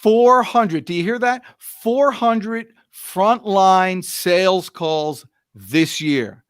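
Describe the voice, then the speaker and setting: A man's voice: sits high, very slow, smooth, no echo, clean studio sound. A man hosting a podcast interview, chatty and encouraging as he asks questions. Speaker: podcast host. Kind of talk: casual interview talk.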